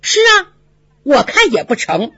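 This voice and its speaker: A storyteller voicing a sharp, clever young noblewoman who runs the household and gives brisk, commanding orders. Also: high-pitched, wildly swooping pitch, no echo, voice pushed up, full character voice. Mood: scheming. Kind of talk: storytelling with voiced characters. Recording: dry, slightly dull lo-fi recording.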